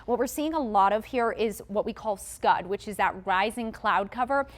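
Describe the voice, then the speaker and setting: A woman's voice: mid-range voice, moderate pace. A woman meteorologist giving live breaking weather coverage, explaining radar and urging viewers to take shelter. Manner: urgent, explanatory, giving safety instructions.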